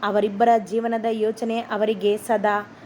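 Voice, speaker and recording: A woman reading a serialized love story aloud in a steady, expressive way. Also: mid-range voice, measured pace, a little hiss or hum. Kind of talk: scripted story narration.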